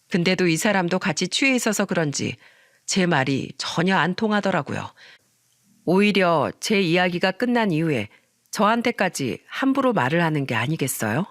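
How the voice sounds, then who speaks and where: A woman's voice: on the low side, big pitch swings, moderate pace, no echo, clean studio sound. A woman narrating her own story as a scripted radio tale, in an indignant tone.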